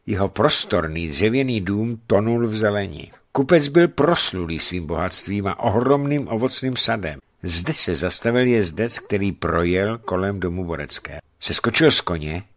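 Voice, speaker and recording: A man reading a novel aloud as narrator, in a calm, measured way. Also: lowish voice. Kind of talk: scripted audiobook narration.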